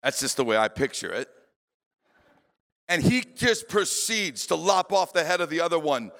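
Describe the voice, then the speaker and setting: A man preaching a sermon, retelling a story in an animated, vivid way. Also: fairly high pitch, moderate pace, gravelly. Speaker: pastor. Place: church hall. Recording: long reverb of a large hall.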